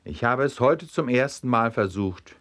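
A man voicing a dazed young male daredevil, speaking quietly and flatly. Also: mid-range voice, normal speed, lightly acted.

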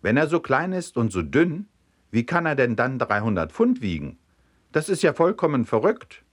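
A slow, baffled countryman, put on by a man reading jokes aloud, hesitant and disbelieving. The voice is pitched above his own with wide swings. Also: big pitch swings. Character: puzzled, slow rural male farmer.

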